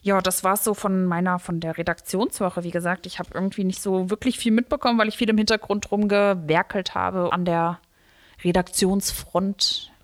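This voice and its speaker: A woman's voice: medium pitch, fairly even intonation, normal speed, dry recording. A woman hosting a local newspaper podcast in casual chat, rambling and laughing often.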